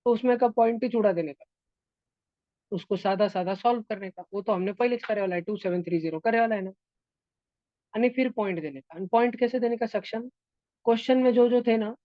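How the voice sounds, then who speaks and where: A man's voice: high-pitched, no echo. Male math teacher, patient and repetitive, checks understanding often; dull, dry lo-fi stream sound. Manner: patient, repeats steps and keeps checking if students follow. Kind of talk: classroom lesson to online and offline students.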